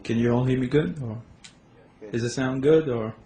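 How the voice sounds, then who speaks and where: A man from Los Angeles giving his first public debate presentation, a little nervous and hesitant, rushing ahead in bursts. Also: mid-range voice, warm tone. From Los Angeles, United States. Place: debate hall. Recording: echoey hall, faint background noise.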